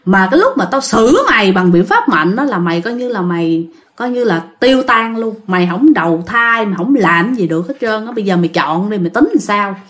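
A woman's voice: mid-range voice, expressive, brisk, fairly bright tone, natural voice. A woman voicing a stern female spirit medium who bluntly threatens a ghost.

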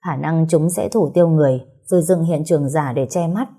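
A woman voicing a loyal male henchman who reports calmly to his boss. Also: sits low, brisk, husky. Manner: calm reporting.

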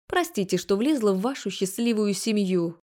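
A woman's voice: medium pitch, a little fast, a little mellow, lightly acted. A woman voicing a defiant young woman, a grown daughter who speaks sarcastically and firmly, in an audiobook. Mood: sarcastic tearful. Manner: sarcastic, firm.

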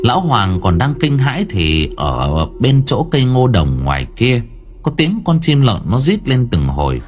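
A man narrating a ghost story in an expressive, dramatic way. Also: mid-range voice, a little slow, faint music behind. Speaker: audiobook narrator.

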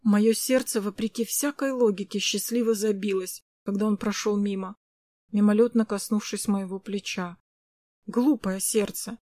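A woman's voice: mid-range voice, moderate pace, no echo. Woman narrating a first-person story. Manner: lively, acted dialogue.

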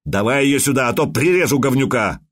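A man voicing a brutal bald soldier who barks rough, threatening commands. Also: medium pitch, expressive, fairly quick.

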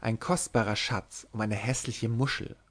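A man's voice: medium pitch, fairly even intonation, moderate pace, fairly bright tone, lightly acted. A man reading aloud, voicing a teasing young noblewoman disguised as a lord, who speaks in a lisping, coy whisper.

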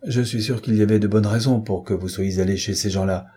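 A stolid police sergeant speaks in measured, formal, polite lines, as a male narrator puts him on. The voice is low and mellow. It has a slightly husky texture. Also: fairly even intonation. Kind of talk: audiobook character reading.

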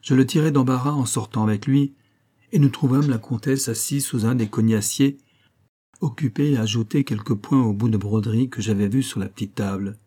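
A man reading a literary story aloud as a narrator, with a measured, even delivery. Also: medium pitch, breathy edge. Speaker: audiobook reader.

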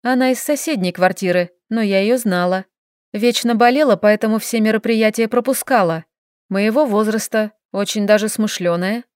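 A woman reading a first-person audiobook narration in an even, measured way. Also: mid-range voice, dry recording, clean studio sound.

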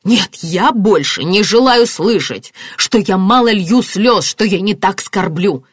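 A woman reading an audiobook, voicing a grieving, furious middle-aged father who shouts and rages. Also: medium pitch, very animated, moderate pace, no echo, clean studio sound, pitched above the performer's own voice. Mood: raging. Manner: shouting, raging.

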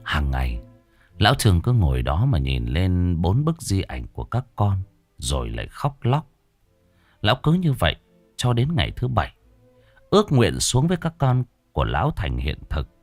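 A man narrating a horror story in a dramatic, expressive way, recorded on a close mic. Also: sits low, normal speed, dry recording, faint music behind.

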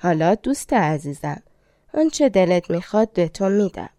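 A woman's voice: on the low side, big pitch swings, warm tone, no echo. A proud storybook king, as a woman reads him. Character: proud middle-aged male king, quick to anger.

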